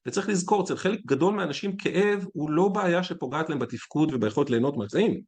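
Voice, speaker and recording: A man's voice: a little high, animated, darkish tone. A man, a physician, giving a conference lecture in a conversational, candid way with anecdotes.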